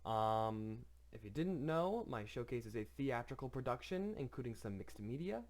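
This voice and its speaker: A man's voice: medium pitch, lively intonation, moderate pace, a little mellow. A young man casually commenting on his own showcase, enthusiastic, laughing often and using many fillers.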